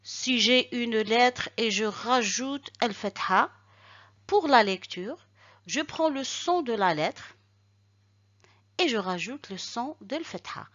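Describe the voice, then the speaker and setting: Slow, careful woman teaching Arabic. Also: a little high, animated, a bit bright. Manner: slow, deliberate, careful syllable-by-syllable pronunciation. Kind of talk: slow instructional lesson. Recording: dull lo-fi recording.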